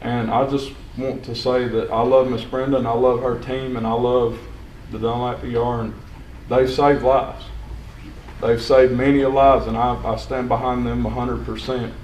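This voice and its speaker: A man's voice: mid-range voice, little pitch movement, moderate pace, a little mellow. A young man giving unscripted public comment at a county meeting, plain-spoken and rambling with restarts. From Sequatchie County, Tennessee. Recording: echoey hall, distant mic, faint hiss.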